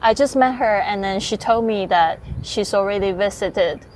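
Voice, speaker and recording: A woman's voice: mid-range voice, normal speed, a little mellow, slight background noise. A woman podcast host, not an English speaker, interviewing a guest at an art studio with friendly, hesitant restarts.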